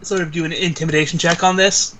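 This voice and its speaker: A man chatting as a player in a tabletop game, halting and often repeating himself. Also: a little high, steady tone, a bit bright. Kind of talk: casual game chat. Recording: noisy home recording.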